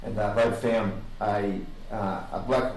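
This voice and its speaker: An Australian man questioning someone as a police interviewer, formal in content but halting and informal in delivery. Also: on the low side, little pitch movement, darkish tone. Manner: halting, informal, loses his place. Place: indoor interview room. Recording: echoey, distant mic, faint noise.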